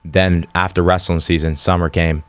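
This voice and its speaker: A man's voice: sits low, little pitch movement, moderate pace, clean tone. A man in his twenties from western Pennsylvania, a guest telling his story in a plain, matter-of-fact way. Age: 20s. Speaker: guest, fighter. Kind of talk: casual interview.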